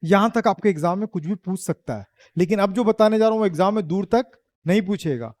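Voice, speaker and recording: A man's voice: sits high, fairly quick, darkish tone, no echo. A man teaching physics in a classroom, quizzing and teasing his students and laughing often. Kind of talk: classroom lecture.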